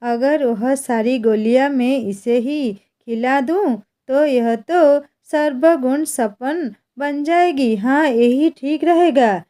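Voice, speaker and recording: Lady doing a worried village husband, fussy, keeps repeating himself, highish mellow voice. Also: slow pace. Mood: coaxing. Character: simple village husband, fretful and doting.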